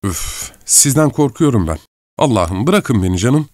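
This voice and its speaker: A man's voice: mid-range voice, big pitch swings, measured pace, darkish tone, dry recording, voice pushed up. A man reading the part of a bashful young woman who protests and pleads in fright, in a dry, close recording. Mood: alarmed pleading.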